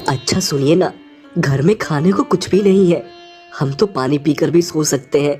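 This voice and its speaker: A woman voicing a poor hardworking maid and mother, soft and humble, in an animated story. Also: low-pitched, moderate pace, husky, soft background music. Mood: gentle.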